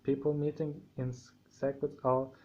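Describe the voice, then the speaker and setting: A man with a sore throat reading a novel aloud, halting, with frequent restarts and slips. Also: medium pitch, level tone, dark tone, a little hiss or hum. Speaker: amateur audiobook reader. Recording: dull lo-fi home recording.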